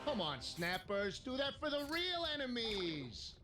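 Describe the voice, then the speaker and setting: A man's voice: very high-pitched, sing-song, unhurried, exaggerated voice. A man voicing an exasperated, wry young adventurer in a cartoon. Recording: cartoon soundtrack with music behind.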